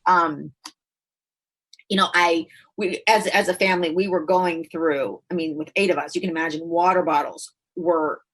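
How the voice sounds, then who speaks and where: A woman's voice: lowish voice, steady tone, normal speed, fairly bright tone, breathy edge. A middle-aged woman hosting a casual podcast, chatting with many fillers and frequent laughs. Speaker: podcast host.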